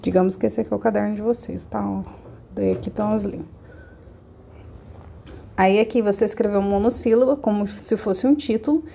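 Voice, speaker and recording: A woman's voice: medium pitch, creaky, dark tone. A woman teaching a remote class, explaining patiently and often checking that her students follow.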